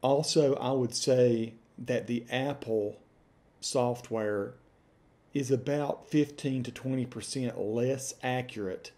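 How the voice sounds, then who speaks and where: A middle-aged man with an Appalachian accent, talking casually and deliberately as he demonstrates software. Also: medium pitch. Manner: deliberate, spelling out punctuation while dictating. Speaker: software reviewer. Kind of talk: dictation test with casual commentary. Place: room at home, indoors.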